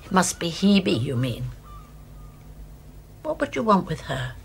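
A woman's voice: fairly low pitch, big pitch swings, unhurried, vocal fry, a little hiss or hum, heavily acted. A sly old bedridden lady. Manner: wry, teasing, amused. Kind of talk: period TV drama acting.

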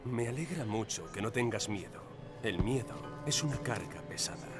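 Video game warrior, voiced by a man, cold and terse, with a mid-pitched voice and game music underneath. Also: expressive, moderate pace, lightly acted.

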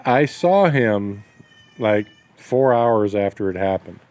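Here the same kind of speaker, a middle-aged or older expat farmer and vlogger, rambles folksily in casual chat at a building site by the water. He speaks slowly in a fairly low, darkish voice with lively intonation. Ambient noise fills this noisy outdoor recording.

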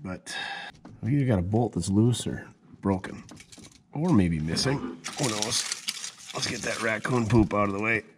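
Joking low-voiced mechanic in a garage. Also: male voice, normal speed, pauses often, a little hiss or hum. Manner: joking, self-mocking, muttering to himself while working. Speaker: mechanic, channel host. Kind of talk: casual first-person workshop narration.

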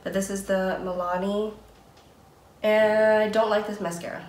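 A woman's voice: mid-range voice, slight background noise. A woman in her late twenties chatting casually through a makeup tutorial, narrating each step in a friendly way. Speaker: makeup vlogger. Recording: echoey room, faint music behind.

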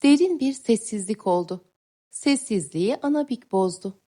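A woman teacher reading a story aloud to young pupils in a clear, expressive way. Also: a little high, normal speed. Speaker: teacher reading a listening text. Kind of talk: children's story narration.

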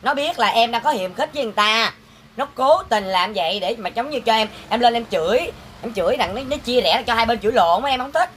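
A vlogger, ranting to viewers in an exasperated, sharp-tongued, scolding way about fake orders. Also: female voice, fairly high pitch, brisk, a little hiss or hum. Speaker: vlogger selling goods online. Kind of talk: angry casual rant to viewers.

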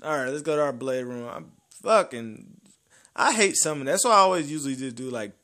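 A young man giving casual gameplay commentary, excitable, swinging from loud cheers to low grumbling. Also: a little fast. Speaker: gaming channel host.

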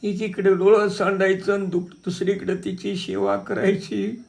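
A male storyteller reads a dramatic first-person tale in a slow, measured way. His voice sits fairly high for a man, and he leans into the emotion of each line. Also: level tone, gravelly, darkish tone.

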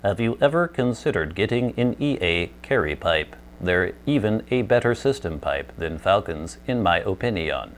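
A man's voice: low voice, expressive, moderate pace, hardly any pauses, slight background noise. A man doing a put-on robot voice as a male robot reading out a viewer's message. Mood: robotic.

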